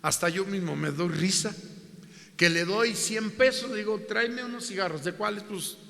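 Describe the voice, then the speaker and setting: A man's voice: high-pitched, normal speed, gravelly, pushed and bright, big-room sound. A man preaching an emotional sermon testimony, calling the congregation his brothers.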